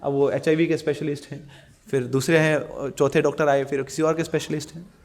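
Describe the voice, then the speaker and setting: A middle-aged man from India teaching a scripture class in Hindi. He chants verses slowly and tells stories with lively acted-out voices for the people in them. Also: on the high side. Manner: animated storytelling, acts out quoted characters. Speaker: Gita teacher.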